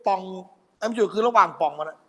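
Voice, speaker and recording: A man with a high, brisk voice tutors physics for an exam review. He works through problems and keeps quizzing students with constant "got it?" checks to be sure they're keeping up.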